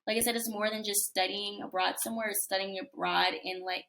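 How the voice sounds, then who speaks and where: A young woman in her twenties talks over a video call as a guest, her voice crisp and bright. She rambles in an upbeat, chatty way, with lots of fillers and likes, at a mid pitch. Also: fairly even intonation, fairly quick. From United States. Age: 20s. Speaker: guest, college student. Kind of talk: casual interview chat.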